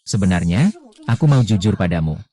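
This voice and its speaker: Male dub reader with a deep, warm tone, voicing every role in one even delivery. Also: brisk. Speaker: dub voice reading all parts. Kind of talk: flat dubbed drama dialogue.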